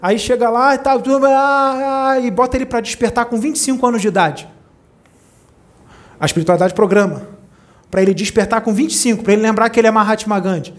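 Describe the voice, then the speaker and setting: A spiritual teacher gives a talk to a small group, telling stories animatedly and acting out the voices of the people in them with big jumps in pitch. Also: brisk. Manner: animated storyteller, acts out quoted voices with big pitch leaps.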